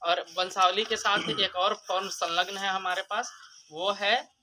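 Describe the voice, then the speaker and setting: A man's voice: high voice, fairly even intonation, measured pace. A man, a survey official explaining procedures patiently at a village meeting, repeating key points. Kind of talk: public address at a village meeting. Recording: noisy field recording.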